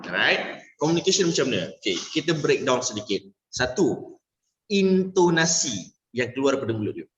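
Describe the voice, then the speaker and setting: A man's voice: mid-range voice, very animated, normal speed, fairly bright tone, a little hiss or hum. A man with a Malaysian accent teaching a workshop class as a business sales coach, switching between Malay and English and checking in with "alright?" after nearly every point. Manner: playful, acts out little dialogues. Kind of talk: workshop lecture to a live class. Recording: echoey room, dull lo-fi sound.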